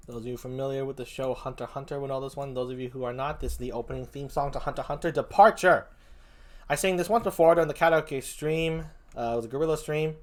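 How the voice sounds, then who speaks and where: A VTuber streamer chats loosely with the chat while setting up to sing, swearing when flustered. The voice is medium-pitched and fast.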